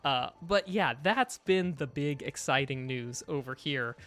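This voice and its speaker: A man co-hosting a podcast, chatting casually and haltingly with frequent asides. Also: on the high side, animated, a bit bright, faint music behind. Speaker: podcast co-host. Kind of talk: casual chat.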